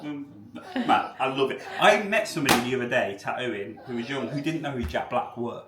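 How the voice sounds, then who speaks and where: A man's voice: mid-range voice, animated, fairly quick, echoey room, very noisy. A man chatting casually to camera in a vlog at home, enthusiastic and rambling, with lots of "like". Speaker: vlogger and tattoo shop owner.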